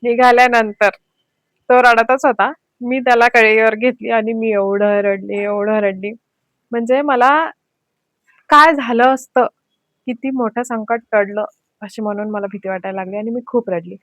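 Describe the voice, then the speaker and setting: A young woman vlogger telling a frightening personal story in a casual, anxious way, with many fillers and pauses. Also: on the high side, steady tone, fairly bright tone, dry recording.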